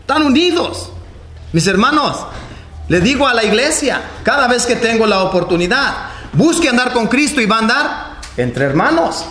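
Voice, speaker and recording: Man preacher, high voice, impassioned sermon, phrase ends sink low, roomy echoey hall with faint hiss. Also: sing-song, normal speed, bright, forceful tone. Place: church hall. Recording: echoey church hall, faint background noise.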